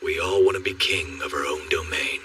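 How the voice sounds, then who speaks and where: A man voicing a burly male warrior in an anime English dub, measured and wry with dry humor. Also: a bass voice, steady tone, crowd noise. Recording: distant voice with faint score.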